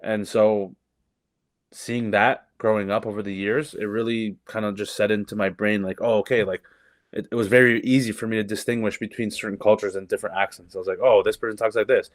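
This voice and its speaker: A young man with a low voice talks about his craft on a podcast. He speaks loosely, swears, and trips over his own sentences. The sound is dry and close. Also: little pitch movement, brisk, no echo. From Canada. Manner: loose, profane, lots of fillers and restarts. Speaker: comedian guest. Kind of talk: casual podcast chat.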